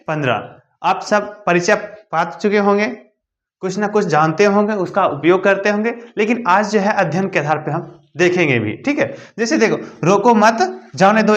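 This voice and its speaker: A man's voice: high-pitched, fairly bright tone, highs cut off. A man teaching a grammar lesson, asking his students questions and answering them himself, stressing key points by repeating them. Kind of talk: explanatory classroom lesson.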